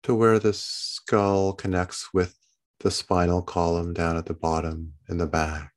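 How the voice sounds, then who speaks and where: Slow, low-voiced man guiding meditation. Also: level tone. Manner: gentle, soothing bedtime-narrator delivery with long pauses. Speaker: meditation guide. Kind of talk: guided body-scan meditation, unscripted.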